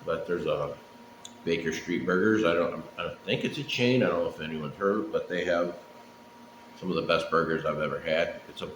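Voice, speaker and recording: A middle-aged man chatting casually and unhurriedly on his own, rambling with pauses and the odd swear word. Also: sits low. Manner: laid-back, profane, unhurried with frequent pauses. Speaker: pipe-smoking vlogger. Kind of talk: casual rambling solo chat. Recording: echoey room, faint background noise.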